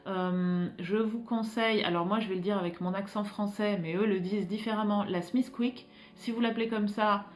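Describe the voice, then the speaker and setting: French woman vlogging about her trip, chatty and rambly, lots of little pauses, echoey room. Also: medium pitch, darkish tone. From France. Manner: rambling, many filler pauses and restarts. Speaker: illustrator vlogger. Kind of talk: casual vlog chat to viewers.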